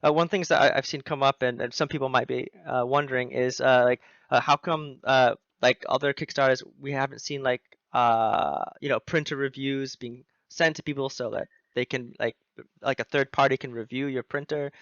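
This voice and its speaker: A man from Wales hosts a casual interview over a video call, his voice gravelly with fry. He hesitates and restarts his sentences often, full of fillers. The sound is dull and lo-fi, and the room is dry. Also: mid-range voice, fairly even intonation, moderate pace, fairly bright tone, dry recording. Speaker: host.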